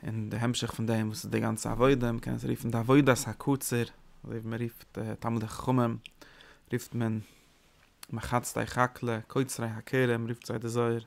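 A man teaching a religious lecture, his mid-pitched voice rough with a gravelly rasp. He talks in animated, emphatic bursts and drops in English words as he explains. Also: normal speed. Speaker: Torah teacher.

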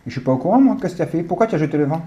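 A man talking with his young child at home, gently questioning and playful, recorded on a dull lo-fi home recording. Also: on the high side, expressive, very fast. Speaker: father.

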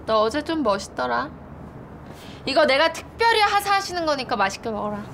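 Casting: bossy, breezy film heroine in her twenties, high and lively voice, faint noise behind. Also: fairly quick. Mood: teasing. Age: 20s. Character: bossy, breezy young woman teasing her male friend. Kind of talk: naturalistic Korean film acting.

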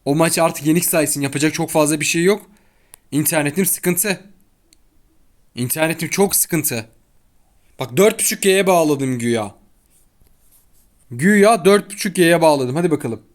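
This young man's voice is fairly high, at normal speed with long pauses, as he talks casually over gameplay for his gaming channel. Exasperated complaints and slangy chatter recur. He records in a home room beside an open window, with a child audible outside.

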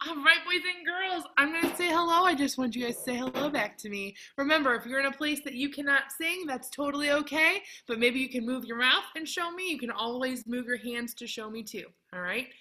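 A woman, around her thirties, leads a children's music lesson in an animated, encouraging, sing-song kindergarten teacher voice, recorded in a classroom on a computer mic. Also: high-pitched, a little fast, hardly any pauses. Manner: animated, exaggerated clear delivery for children. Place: empty classroom. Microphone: computer mic at arm's length, video call.

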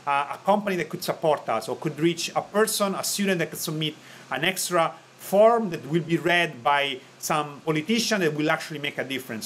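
A man's voice: on the high side, a bit bright, slight background noise. A young man hosting his own channel, talking to camera in an earnest, rambling, apologetic way. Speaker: channel host. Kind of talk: casual talk to camera.

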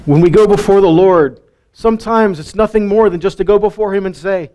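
A man's voice: sits high, a little fast, mellow. A man giving a casual sermon teaching, retelling Bible stories in a folksy, plain-spoken way.

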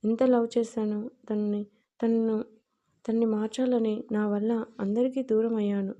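A heartbroken young wife in a storybook tale, voiced by a woman narrator, speaking in weary, sobbing pleas. The voice is dark and mellow, with a flat, even pitch. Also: measured pace, lo-fi sound, close to an everyday voice. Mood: tearful.

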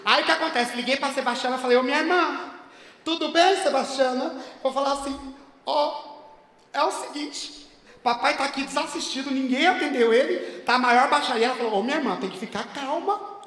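A man playing a brash, fed-up woman, told in a stand-up comedy monologue, who gossips and rants in a high, bright, piercing voice with sudden shouted bursts. The sound is echoey, caught from far off in a long hall reverb. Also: a little fast. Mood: indignant. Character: brash indignant woman caring for her hospitalized father. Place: theater stage at a live show.

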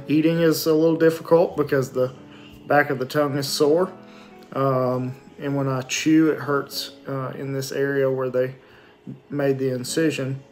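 A man in his forties giving a casual, matter-of-fact video diary, speaking haltingly with a sore throat and a swollen, numb lip and jaw. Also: mid-range voice, flat delivery, a little mellow, soft background music. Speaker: vlogger giving a post-surgery recovery update. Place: small indoor room at home with shelves. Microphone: phone or webcam at arm's length.

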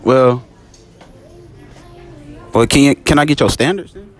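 A man's voice: medium pitch, measured pace. A young man running a casual public interview in a shopping mall, talking into a phone he holds out, upbeat and joking, repeating his lines. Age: young adult. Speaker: street interviewer. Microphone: phone held out. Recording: phone audio with music and crowd.

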